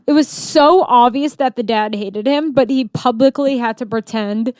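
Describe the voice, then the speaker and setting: A woman's voice: on the high side, normal speed, a little mellow, dry recording. Chatty woman host, dry close sound. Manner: chatty storyteller, mimics people she describes. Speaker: podcast host. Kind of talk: casual chat.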